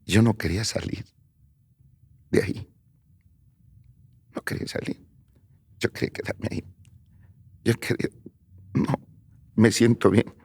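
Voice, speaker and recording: A man giving a personal testimony on the radio, telling his story haltingly and often dropping to a soft near-whisper. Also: lowish voice. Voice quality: creaky, husky voice.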